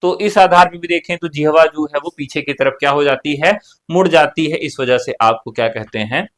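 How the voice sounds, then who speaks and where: A man teaching an exam-prep class, walking through questions one at a time. He asks a question aloud, then answers it himself in a relaxed, talkative way, sometimes with a casual joke. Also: fairly high pitch, moderate pace. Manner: casual joking asides. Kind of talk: online exam-prep lecture.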